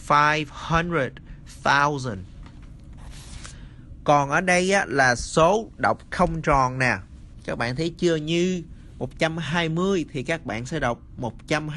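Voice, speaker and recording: A man teaching English number words in a casual spoken lesson, slowly repeating each word and checking that the viewers follow. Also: fairly high pitch, sharp tone, a little hiss or hum. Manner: slow, repeats words, addresses viewers as friends.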